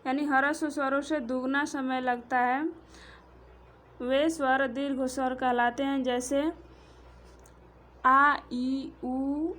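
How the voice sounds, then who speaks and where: Slow, high-voiced woman teaching. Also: fairly even intonation. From India. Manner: slow, drawn-out, explanatory, counting letters aloud. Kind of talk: Hindi grammar lesson.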